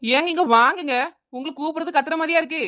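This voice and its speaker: A scatterbrained housewife in a comedy cartoon, chattering and wheedling in a Kanyakumari Tamil accent. Her voice is high. She talks fast and keeps circling back to the same name. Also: bright, forceful tone. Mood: bickering. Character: scatterbrained housewife Chinnaponnu, adult woman.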